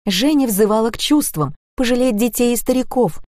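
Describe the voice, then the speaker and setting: A woman's voice: a little high, fairly quick, darkish tone, dry recording. Woman narrating an audiobook, dry close sound.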